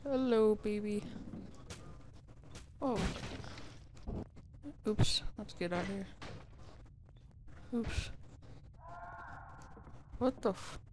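A woman's voice: medium pitch, extremely slow, pauses often, background noise. A woman giving let's play commentary, jumpy and swearing when startled. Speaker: gamer.

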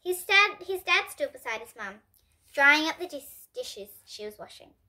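A young girl with a high, bright voice hosts a reading of a children's storybook aloud. She reads expressively and deliberately, with wide swings in pitch and dramatic pauses.

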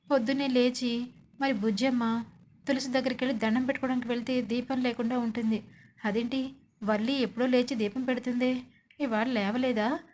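A woman telling back a TV serial episode like a story. She sounds chatty and lively, her voice sitting fairly high. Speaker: serial recap narrator. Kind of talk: storytelling recap.

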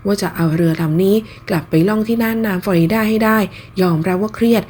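A woman narrating online news in a scripted, polite, steady read-aloud manner with soft sentence endings. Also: medium pitch, fast, a little hiss or hum.

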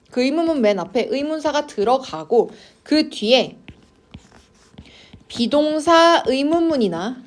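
Casting note: high-pitched woman as an English teacher, coaxing, keeps asking the class if they follow. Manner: coaxing, checks in constantly with students. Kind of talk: online class lecture to students.

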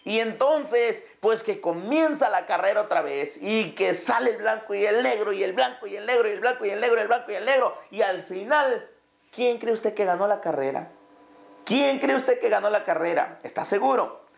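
A man telling a parable to his audience, often speaking to them directly and pausing on hesitant fillers. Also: sits high, expressive, creaky. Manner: addresses listeners directly, many hesitant fillers. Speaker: motivational business speaker.

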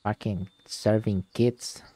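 Male gamer, casual let's-play commentary, mellow voice, swears and grumbles offhand. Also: lowish voice, steady tone, slow pace.

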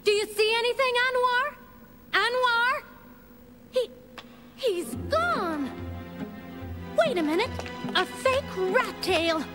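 A woman's voice: extremely high pitch, lively intonation, slow, pauses often, heavily acted. A woman voicing a plucky, confident female mouse adventurer in a cartoon. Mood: concerned. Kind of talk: cartoon voice acting. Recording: loud music behind.

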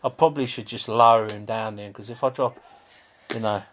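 A man's voice: fairly low pitch, fairly even intonation, fairly quick, slight background noise. A man with a chatty, playful manner, playing as a player in a tabletop game.

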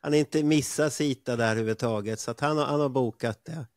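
A man's voice: mid-range voice, darkish tone, no room sound, clean studio sound. A man hosting a live podcast in a chatty, upbeat manner. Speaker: podcast host. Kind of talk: casual live podcast chat.

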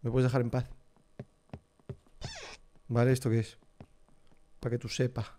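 A man's voice: mid-range voice, little pitch movement, a little slow, warm tone, a little hiss or hum. A young man with a Spain Spanish accent, jumpy and swearing while commenting live on a horror game for his chat. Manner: profane, jumpy, talks to chat. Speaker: streamer.

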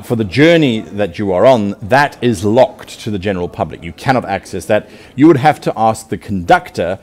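A man's voice: fairly low pitch, a little mellow. A man narrating a live tabletop game as game master, storytelling theatrically at a convention session.

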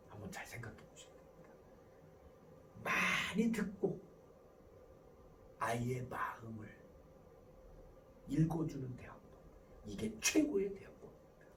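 A man's voice: fairly high pitch, distant mic, a little hiss or hum, rough recording. A man lecturing to parents, asking questions and answering them himself. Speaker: professor giving a parenting lecture.

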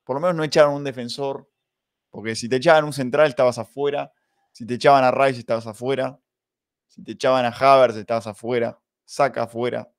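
A man's voice: medium pitch, fairly even intonation, brisk. A young Argentine man hosting a live football reaction stream, chatting and reading the chat aloud. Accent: Argentine Spanish. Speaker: streamer and host.

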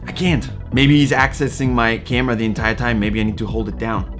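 A man talks casually to his viewers in a vlog. He is playful and mock-enthusiastic, with a mid-range voice. Soft music runs behind him. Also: medium pitch, steady tone, fast talker. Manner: playful, mock-enthusiastic, reads messages aloud. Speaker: video creator.

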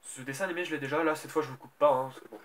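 A man's voice: fairly high pitch, steady tone, racing, background noise. A young man from France giving rambling, casual let's play commentary, swearing now and then. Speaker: gamer. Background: video game music.

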